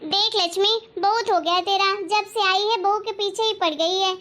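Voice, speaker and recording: In a family cartoon, a woman voices a doting old mother-in-law who fusses and scolds out of love. The voice is very high and bright, almost girlish, and insistent. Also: fairly even intonation, normal speed. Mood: firm defending. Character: loving elderly mother-in-law, doting and firm. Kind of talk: cartoon story voice acting.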